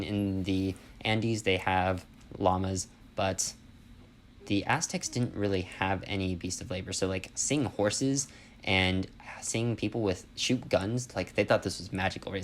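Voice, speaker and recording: Low-voiced man teaching casually. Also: a little hiss or hum. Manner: conversational, explanatory, often checks in with "right?". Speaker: instructor. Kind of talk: informal spoken history lesson.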